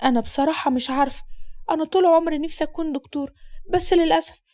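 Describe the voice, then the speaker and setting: A woman's voice: sits high, very fast, dark tone, dry recording, studio quality, voice pushed up, close to an everyday voice. A woman voicing a timid young Egyptian schoolgirl with an Egyptian accent, pleading and fearful. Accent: Egyptian Arabic.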